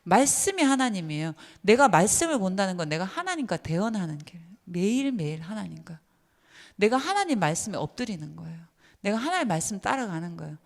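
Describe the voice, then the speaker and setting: A woman giving a seminar lecture to church teachers, emphatic and lively, often putting questions to her listeners. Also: mid-range voice, a little fast, creaky. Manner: lively and emphatic, asks the audience many questions. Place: church hall. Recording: long reverb of a church hall.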